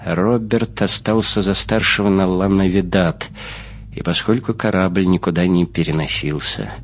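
A man reading first-person audiobook narration in a measured way. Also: low-pitched. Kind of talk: scripted narration. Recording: muffled lo-fi recording.

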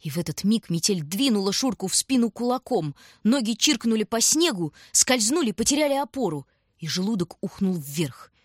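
A woman reading a story aloud in scripted, measured and dramatic narration. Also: mid-range voice, big pitch swings, dry recording, studio quality. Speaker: audiobook reader.

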